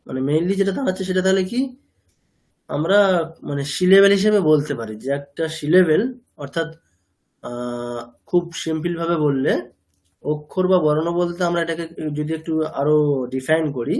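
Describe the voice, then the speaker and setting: A man's voice: fairly high pitch, moderate pace, pauses often, a little mellow. A man teaching a language class, explaining patiently, quizzing his students with questions, and mixing English words into his talk. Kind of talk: classroom lecture.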